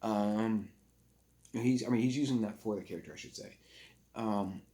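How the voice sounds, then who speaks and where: A man casually recapping a movie plot for a review, rambling and halting, with frequent fillers and self-corrections. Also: fairly low pitch, dark tone.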